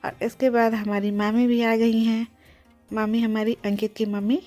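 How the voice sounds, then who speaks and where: A woman's voice: on the high side, flat delivery, moderate pace, warm tone, faint music behind. A young pregnant woman near her delivery narrating her day in a chatty vlog, explaining things as she goes and mixing in English words. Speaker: vlogger.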